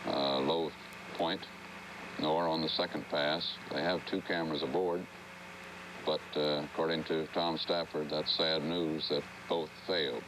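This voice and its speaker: A man giving live explanatory news commentary, in measured, halting phrases. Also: very deep voice, little pitch movement. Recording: noisy archival broadcast with radio static.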